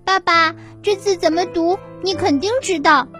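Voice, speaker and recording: A woman's voice: very high voice, normal speed, fairly bright tone, soft background music, pitched above the performer's own voice. A woman reading a children's story aloud, voicing an impatient little girl who gets whiny and indignant. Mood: pleading. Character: cross, impatient little girl in first grade.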